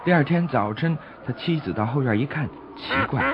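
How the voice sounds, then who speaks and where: A man's voice: medium pitch, expressive, brisk, background noise. A man narrating a scripted story for children, explaining things simply and expressively as if to small listeners. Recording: dull lo-fi recording with music behind.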